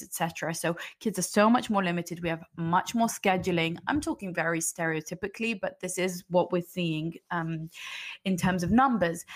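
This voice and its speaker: Animated woman parenting coach. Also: on the low side. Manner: animated, acts out sample phrases to a child. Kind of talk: advice-giving conversation.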